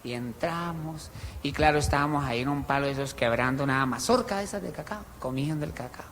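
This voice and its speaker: A man preaching a sermon to a congregation in a church hall, animated and swinging between loud and quiet, telling stories with humor. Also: medium pitch, fast talker, a little hiss or hum. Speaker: pastor. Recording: long hall reverb.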